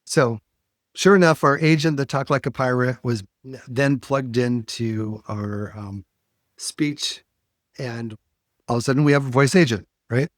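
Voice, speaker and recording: A man hosting a podcast, walking through a software demo in a casual, explanatory way with frequent fillers. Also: medium pitch, unhurried, no echo, clean studio sound. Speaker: podcast host.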